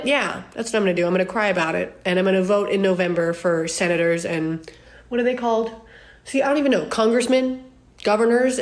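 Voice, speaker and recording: Young woman, twenties, casual phone Q&A, chatty, candid, laughs easily, mid-pitched. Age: 20s. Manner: chatty and candid, many ums and likes, laughs often. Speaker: social media creator answering fan questions. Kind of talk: casual Q&A chat.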